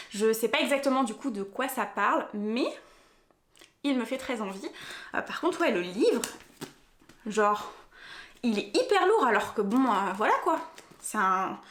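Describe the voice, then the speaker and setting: A woman's voice: fairly high pitch, expressive, measured pace, long pauses, echoey room. A young woman vlogging casually about her book haul and an unboxing, rambling with lots of fillers and restarts. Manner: chatty, many fillers and restarts. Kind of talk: casual vlog chat, unboxing. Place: rural home, later in a henhouse.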